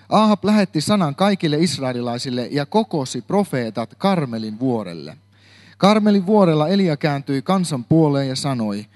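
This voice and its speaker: A man's voice: mid-range voice, darkish tone. A man giving a Bible talk, reading a long scripture passage aloud with occasional slips and self-corrections. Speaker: preacher.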